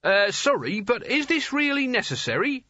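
A man's voice: very high-pitched, sing-song, moderate pace, bright, forceful tone, dry recording, dull audio, pitched above the performer's own voice, heavily acted. A man voicing a timid, earnestly polite young male hero who stammers and hesitates. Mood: nervous, polite.

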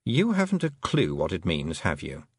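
A man voicing a dry, sardonic talking toad who speaks low and quietly in a deadpan way. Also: normal speed, husky, no room sound, exaggerated voice.

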